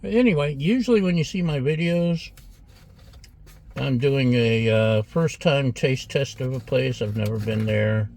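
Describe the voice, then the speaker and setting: A man's voice: medium pitch, measured pace, gravelly, darkish tone. A middle-aged man hosting a casual food taste-test vlog in a restaurant, chatty and rambling as he eats between sentences. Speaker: food vlogger.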